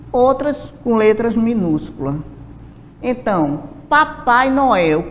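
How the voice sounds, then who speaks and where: Brazilian woman teacher, slow and patient, dull lo-fi track in a reverberant room. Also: medium pitch, a little hiss or hum. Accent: Brazilian Portuguese. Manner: slow, patient, asks rhetorical questions. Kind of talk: recorded classroom lesson.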